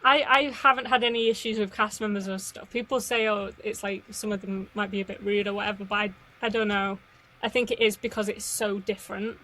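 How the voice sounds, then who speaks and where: A woman with a mid-range voice talks in an easygoing, chatty way on a podcast. She fills her pauses with "um" and "like". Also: mid-range voice, steady tone, pushed and bright, low-quality recording. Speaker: podcast co-host. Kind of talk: casual chat.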